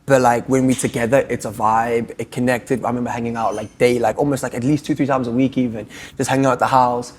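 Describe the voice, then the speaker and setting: A man's voice: medium pitch, little pitch movement, fast talker, hardly any pauses. A young man with a South African accent, a podcast guest telling his story in a loose, casual way full of fillers.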